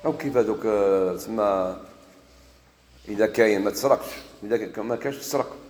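A man with an Algerian accent preaching a sermon, moving between solemn scripture recitation and lively everyday dialect. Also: lowish voice, a little fast, roomy sound, in a large hall. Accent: Algerian Arabic. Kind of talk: sermon mixing classical Arabic and dialect.

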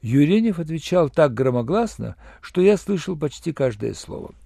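A man narrating an audiobook with an expressive, gravelly reading close to the mic. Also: on the high side, moderate pace, no echo. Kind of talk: scripted narration.

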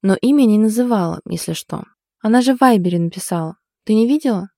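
A woman's voice: mid-range voice, animated, fast talker, warm tone, dry recording, clean studio sound, pitched above the performer's own voice, lightly acted. A woman voicing a blunt, grumbling young woman. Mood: gossipy. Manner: grumbling, crude, gossipy. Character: blunt young woman, a hapless cook who swears. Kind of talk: audiobook character voice.

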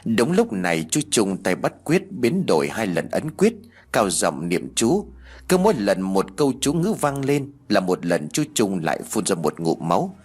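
A man tells a ghost story as scripted narration, dramatic and expressive. His voice is husky and on the low side, and it rises and falls widely. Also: normal speed.

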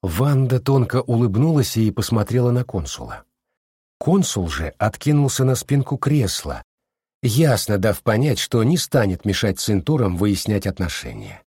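A man narrating an audiobook, expressive, voicing every character himself. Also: lowish voice, moderate pace, breathy edge, no room sound, studio quality. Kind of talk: scripted narration.

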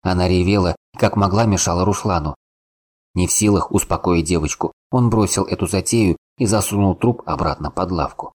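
Deep-voiced male audiobook narrator. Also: moderate pace, darkish tone. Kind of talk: scripted narration.

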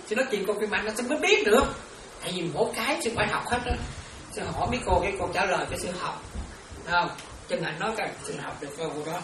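A Buddhist nun with a medium-pitched, fairly bright voice gives an informal, chatty dharma talk, laughing often and calling her listeners her children. It's picked up from far off in a roomy space with a crowd around and slight background noise.

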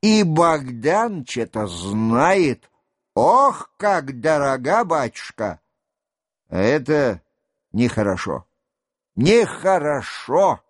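A man's voice: medium pitch, very animated, very slow, no room sound, studio quality, heavily acted. An adult man reading a book aloud and voicing an older, stern male cavalry staff-captain who reproaches a young officer bluntly. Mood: reproachful. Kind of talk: audiobook character reading.

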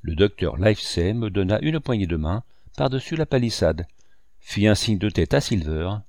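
Low-voiced man narrating a classic novel. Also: animated, normal speed, darkish tone, dry recording, studio quality. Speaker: audiobook narrator.

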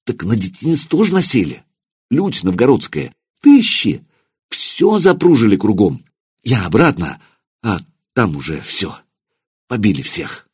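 A frightened young serf in an audiobook, hushed and halting, pleading with his master. A man voices him with a husky, breathy tone in a dry, close sound. Every sentence comes out low and unsteady. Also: very animated, dry recording, full character voice. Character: frightened young male servant, trembling and tearful. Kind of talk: audiobook character voice.

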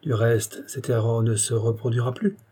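A man's voice: mid-range voice, moderate pace, breathy edge, lightly acted. A man voicing a stiff, sour tax collector who speaks curtly and sharply. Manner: curt and sharp.

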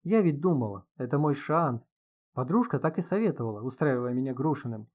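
A man's voice: medium pitch, expressive, fairly quick, darkish tone, natural voice. Casual: guy doing a bitter young woman, sneery, dull lo-fi sound. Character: young woman, resentful, bitter former model.

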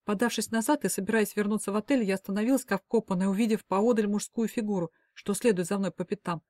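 A woman's voice: mid-range voice, fast, warm tone, no echo, clean studio sound. A woman reading a first-person novel as an audiobook, with emotive, dramatic delivery. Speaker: audiobook narrator.

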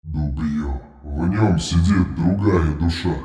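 A man voicing a dark ancient male spirit that lives inside a demigod, speaking in a grim, ominous way. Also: very deep voice, slow, faint music behind, pitched below the performer's own voice. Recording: echoey with long reverb.

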